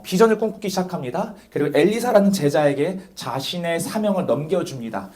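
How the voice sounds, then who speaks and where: A young man delivers a youth sermon in a high, lively voice. He asks rhetorical questions and calls listeners by name as he preaches. His pitch swings widely from phrase to phrase. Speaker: youth pastor.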